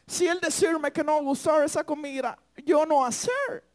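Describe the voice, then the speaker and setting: Guy putting on a puzzled foreign widow, broken spanish, high tone. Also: no echo, studio quality. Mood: bewildered. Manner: halting broken grammar.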